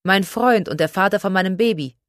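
A woman's voice: medium pitch, a little fast, no echo, clean studio sound, lightly acted. A woman reading aloud, voicing a joyful young pregnant woman who comes home eagerly and pleads with her mother. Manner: bright, excited and pleading.

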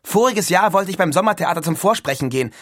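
A man reading an audiobook and voicing an impulsive, enthusiastic teenage boy, speaking loudly and emphatically in a husky voice. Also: high voice, expressive, fast, no echo, studio quality, voice pushed up. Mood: excited. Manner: loud and emphatic, swept up in enthusiasm. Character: eager excited teenage boy, impulsive dreamer.

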